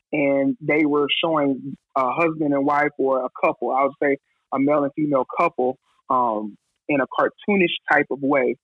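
A man telling his story over a phone-like line, his slightly high, husky voice jumping up whenever he acts out what others said. The sound is dry and narrow, with no room around it. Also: no echo. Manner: animated, acts out quoted dialogue. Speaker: photographer, guest. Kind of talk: casual storytelling.

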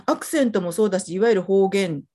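A woman's voice: medium pitch, animated, quick pace, mellow. A woman from Tochigi co-hosting a podcast, chatting casually and filling in with frequent agreeing sounds. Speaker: podcast co-host. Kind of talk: casual chat.

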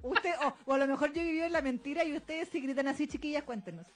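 A woman's voice: high voice, quick pace. A young Chilean woman co-hosting a podcast in casual chat, slangy and laughing often, acting out lines in silly voices. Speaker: podcast co-host.

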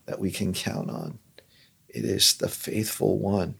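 Lowish voiced guy on a podcast, earnest, builds up his points about a hymn. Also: level tone, measured pace, creaky, fairly bright tone, breathy edge. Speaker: guest explaining a hymn. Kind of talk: conversational podcast teaching.

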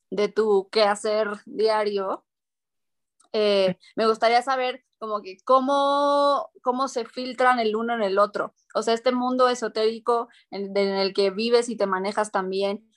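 A woman, a podcast host asking questions in casual chat. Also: medium pitch. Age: 30s.

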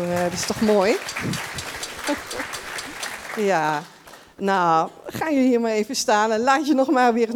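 A woman's voice: mid-range voice, a little mellow. A woman giving a chatty farewell address at a church service, full of fillers and restarts.

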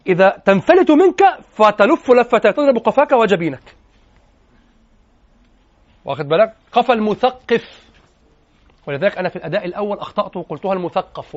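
A man with an Egyptian accent giving a lecture on classical poetry, animated, often asking his listeners questions and switching into colloquial speech. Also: high voice. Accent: Egyptian Arabic. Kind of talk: lecture to students. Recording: dull lo-fi lecture recording.

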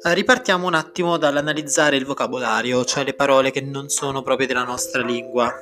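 A man, a teacher, reads a passage from a novel aloud and then explains it to students in a steady, measured way. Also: mid-range voice, over music.

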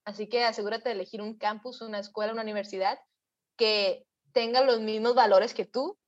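A fairly high-pitched woman speaks as the guest on a video call, a psychologist who tells her stories with lively energy and acts out the voices in them. Her audio comes through dull and lo-fi. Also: brisk. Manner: lively storyteller, acts out quotes. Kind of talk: casual interview answers.

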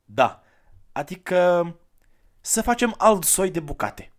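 A tired, kindly traveler on foot, played by a man reading the tale, who coaxes gently in a voice lifted a little above his own. He keeps his patient, mild manner throughout. It comes across as a storybook reading. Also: high voice, sing-song, voice pushed up. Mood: coaxing. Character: gentle, weary adult traveler, kind and coaxing.

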